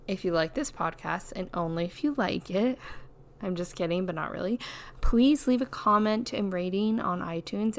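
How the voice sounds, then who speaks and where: A young adult woman talking casually as a solo podcast host, chatty and often dropping in "like" as a filler. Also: fairly low pitch. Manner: chatty, says "like" a lot as a filler. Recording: noisy background.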